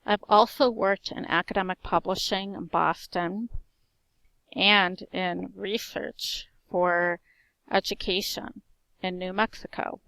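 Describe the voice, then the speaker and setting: This is a poor-quality, dry recording of a forties-aged female teacher introducing herself. Her medium-pitched voice is gravelly, strong and carrying, with slightly slurred S sounds, and she lists details in short, even phrases.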